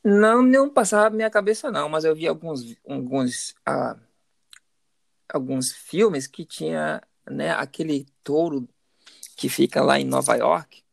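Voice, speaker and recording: A man's voice: fairly high pitch, unhurried, creaky, no room sound. A middle-aged man from Salvador, telling stories as an interview guest, hesitant and full of repeated words. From Salvador, Bahia, Brazil. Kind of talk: casual conversational interview.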